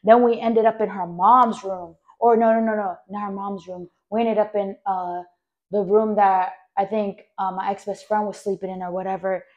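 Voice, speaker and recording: A woman's voice: medium pitch, moderate pace, highs cut off. Young woman rambling through a story. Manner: rambling, animated, many fillers, talks straight to listeners. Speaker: podcast host. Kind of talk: casual personal storytelling.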